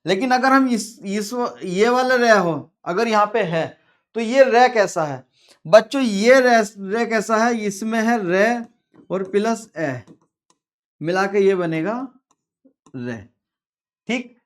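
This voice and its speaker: A man teaching a grammar lesson to pupils, slow and repetitive, drawing out sounds and asking his class questions. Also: sits high, expressive.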